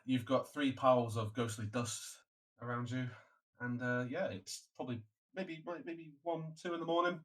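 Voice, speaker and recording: A man's voice: medium pitch, fairly even intonation, normal speed. A man with a middling voice runs a tabletop game. He narrates casually as game master, swearing freely and joking bluntly with the players.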